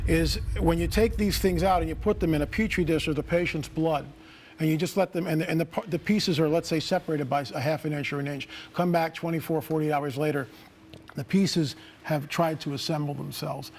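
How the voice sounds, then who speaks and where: A man's voice: fairly high pitch, a little mellow, slight background noise. A man speaking as a guest on a TV interview, telling stories with confident, emphatic statements. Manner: confident storytelling, emphatic, declarative.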